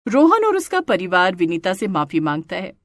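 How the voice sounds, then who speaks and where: A woman narrating a cartoon moral story in an even, explanatory storytelling manner. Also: fairly low pitch, moderate pace, no echo, clean studio sound.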